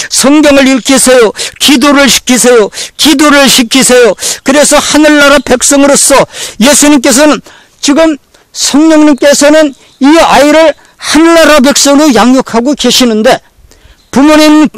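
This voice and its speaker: A man's voice: very high voice, dry recording. A man preaching a sermon as pastor, repeating phrases again and again and firing rhetorical questions at the congregation. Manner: repeats phrases over and over for emphasis.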